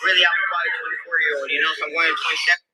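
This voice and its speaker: A man in his twenties answering interview questions in a rambling, repetitive, animated way. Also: a little high, very fast, slightly rough. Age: 20s. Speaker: interviewed boxer. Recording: loud noisy clip.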